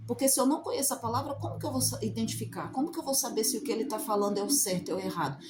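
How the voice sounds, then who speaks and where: A woman's voice: fairly high pitch, very fast, background noise. A woman giving an informal Bible teaching, talking conversationally and asking many rhetorical questions. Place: outdoors in the sun.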